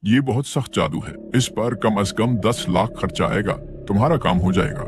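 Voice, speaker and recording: An actor playing a calm, scheming male sorcerer with a very low voice. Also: normal speed, noisy background, close to an everyday voice.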